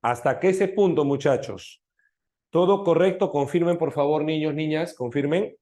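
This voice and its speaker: A man's voice: fairly high pitch, normal speed, mellow. A man with a Peruvian accent teaching a live language class, teasing his students and often asking them to confirm they follow. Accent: Peruvian Spanish.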